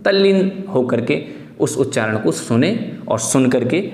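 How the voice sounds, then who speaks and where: Slow, patient Indian religious teacher. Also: male voice, medium pitch, animated, darkish tone. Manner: patient, repeats words slowly for pronunciation drill. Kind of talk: slow devotional lesson with chanted verses. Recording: roomy echo with long reverb.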